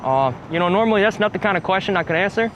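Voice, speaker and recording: A young man playing a laid-back, dim construction worker who talks in a halting, mock-serious way, outdoors at a roadside site. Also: high voice, animated. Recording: traffic noise outdoors.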